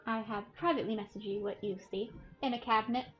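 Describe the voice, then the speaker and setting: A woman running a tabletop game as dungeon master, describing scenes in a relaxed way with fillers, on a muffled lo-fi recording. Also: on the high side, fast talker.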